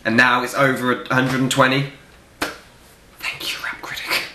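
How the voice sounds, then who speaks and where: Blunt, profane young vlogger. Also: male voice, medium pitch, level tone, normal speed, sharp tone, slight background noise. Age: young adult. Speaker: film reviewer vlogger. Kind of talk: casual Q&A vlog. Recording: echoey room.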